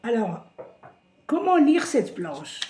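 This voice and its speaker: A woman teaching a slow, patient reading lesson to young children, sounding out syllables in a sing-song way. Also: on the high side, sing-song, mellow. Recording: roomy echo.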